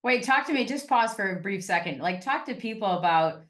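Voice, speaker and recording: A woman's voice: medium pitch, animated, a little fast, a bit bright. An American woman hosting a casual podcast interview, upbeat and chatty, often repeating words as she thinks. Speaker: podcast host.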